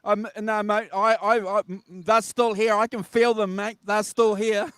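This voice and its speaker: A man's voice: little pitch movement, measured pace, a bit bright, clean tone, no room sound, studio quality. Man on chipmunky warbling call audio. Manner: stammering, playful. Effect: high chipmunk-like warbling call audio. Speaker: show host. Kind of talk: casual online show chat.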